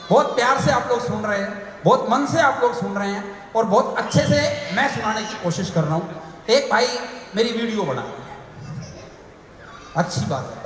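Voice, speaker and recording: A man with a Haryanvi accent doing stand-up comic poetry on stage, loudly shouting his punchlines and acting out family dialogue. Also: very high-pitched. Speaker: comic poet. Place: large hall at a live poetry show. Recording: very echoey hall with long reverb, faint noise.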